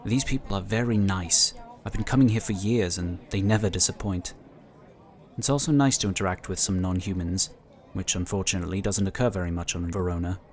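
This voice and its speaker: In an audio drama, a male actor with a low voice plays a friendly, amiable psionic inquisitor who knows his subject. He speaks a little fast, explaining things in a talkative, encouraging way.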